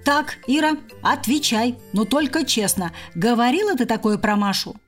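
Woman voicing a young male hamster, high-pitched, bossy, shouting orders. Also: animated, normal speed, soft background music. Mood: stern. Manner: shouts commands sternly.

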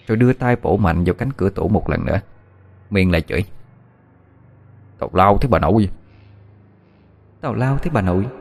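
A man narrating an audiobook story in a steady storytelling manner. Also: low voice. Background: faint background music.

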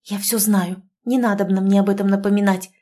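A woman voicing a proud, quick-tempered young noblewoman who answers in sharp, indignant retorts. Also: mid-range voice, steady tone, lightly acted. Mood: anxious.

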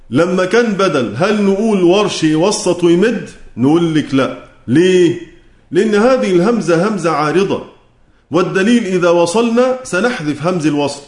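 Teaching the rules of reciting the Quran, an Egyptian-accented man poses questions and supplies his own answers, slowing down to chant every quoted verse. He speaks a little high, and the room gives his voice an echo.

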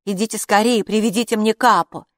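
A woman's voice: mid-range voice, fairly even intonation, brisk, no echo, studio quality, pitched above the performer's own voice, lightly acted. A woman voicing a proud, bossy older girl who talks in a smug, commanding way.

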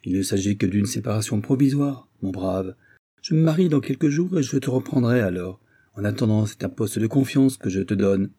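A man reading a brisk young attaché. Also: on the low side, animated, warm tone, husky. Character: eager young male embassy attaché.

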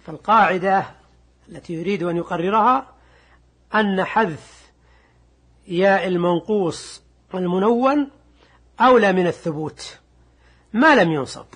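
In this classical Arabic grammar lesson, the teacher is an older man whose husky voice sits high and sounds a bit bright. He keeps a measured pace, repeats important words, and reads out quotations slowly.

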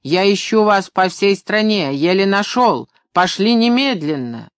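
A man reading an audiobook, voicing a gruff middle-aged man who yells hoarsely and frantically over battle noise. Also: high-pitched, sing-song, unhurried, no room sound, studio quality, pitched above the performer's own voice, exaggerated voice. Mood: frantic shouting.

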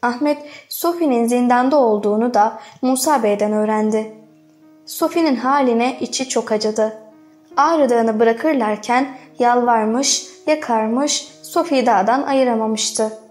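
Woman narrating a folk novel, measured. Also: a little high, darkish tone, soft background music. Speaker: audiobook narrator. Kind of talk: scripted literary narration.

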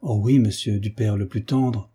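A man's voice: lowish voice, steady tone, normal speed, mellow, breathy edge. A man reading as a shy, overwhelmed young woman. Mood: moved, hesitant. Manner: hesitant, emotional.

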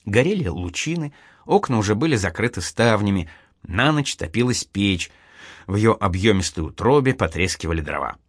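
A man with a fairly low voice narrates an audiobook with dramatic, expressive storytelling. His pitch swings widely from phrase to phrase, and the recording is close and dry, with no room sound. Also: moderate pace, breathy edge, dry recording.

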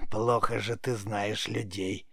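A man reading an audiobook, voicing a spiteful old forest witch with a creaky voice. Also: on the low side, level tone, takes it slowly, no echo, studio quality, full character voice. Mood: grumbling.

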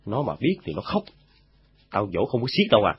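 A man voicing a calm, firm older guerrilla leader who speaks low and hushed. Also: a little fast, slightly rough. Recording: dull, dry recording.

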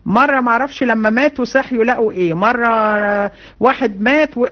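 A woman with an Egyptian Arabic accent giving a religion lesson to women, animated and colloquial, with many rhetorical questions. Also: on the high side, brisk, muffled recording. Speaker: religion teacher. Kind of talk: lecture to women students.

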